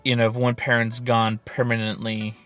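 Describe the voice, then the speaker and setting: Man, mukbang co-host, candid, easygoing, mid-pitched voice. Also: completely flat delivery, moderate pace, fairly bright tone, soft background music. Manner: candid, easygoing, swears freely. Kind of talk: casual chat.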